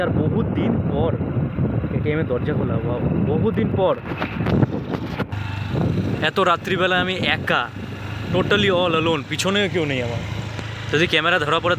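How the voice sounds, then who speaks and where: A young man, vlogging casually and enthusiastically while out on the streets, often slipping into English phrases. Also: a little high. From West Bengal, India. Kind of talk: casual walking vlog. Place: outdoors on streets, partly at night. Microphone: handheld phone camera. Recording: loud outdoor street and wind noise.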